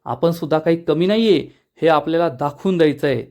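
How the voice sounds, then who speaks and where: Man voicing ambitious young woman, pushy, insistent, light high voice. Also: a little fast, mellow, lightly acted.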